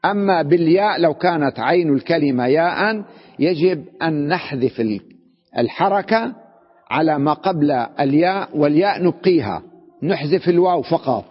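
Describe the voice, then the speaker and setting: A man teaching a grammar lesson, who poses questions to his class, answers them himself and repeats each word slowly. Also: on the high side, lively intonation, slightly rough. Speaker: sheikh teaching Arabic grammar. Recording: dull lo-fi recording with long reverb in a hall.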